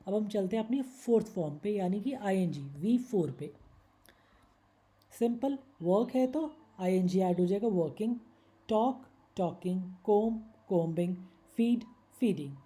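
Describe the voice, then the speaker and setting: Very bright-voiced woman teaching grammar. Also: medium pitch, animated, measured pace. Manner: patient, explains step by step with examples. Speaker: English teacher. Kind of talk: slide-based Hindi grammar lesson.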